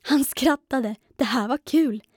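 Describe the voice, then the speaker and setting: A woman reading a rhyming children's storybook aloud in a lively way, sometimes dropping to a whisper for suspense, on a close studio mic. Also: high-pitched, breathy edge, dry recording. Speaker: audiobook reader.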